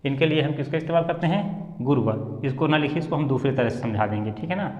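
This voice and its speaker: A man's voice: a little high, quick pace, darkish tone. A man teaching a class at a board, who asks questions and answers them himself. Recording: echoey room, dull lo-fi sound.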